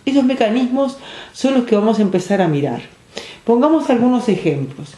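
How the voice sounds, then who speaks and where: A teacher gives a recorded university lecture, explaining at a measured pace, pausing while writing and often checking in with a soft questioning hum. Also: medium pitch, very animated. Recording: echoey room with faint background noise.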